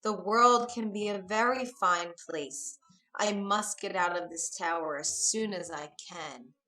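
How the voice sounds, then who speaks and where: Woman reading a timid storybook girl in a tower, slow and plaintive. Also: lowish voice, bright, forceful tone, poor audio. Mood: hopeful.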